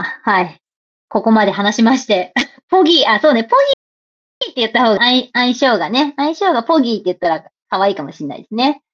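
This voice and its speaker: A woman's voice: fairly high pitch, muffled recording. A woman hosting a livestream, chatting casually and playfully while reading out viewer comments. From Japan. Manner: chatty and playful, laughs often, reads comments aloud. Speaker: livestream host.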